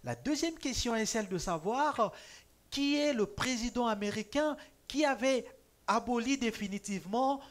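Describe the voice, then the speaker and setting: A talk-show host presenting the program and quiz in a measured, announcer-like way with small hesitations. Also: mid-range voice, animated.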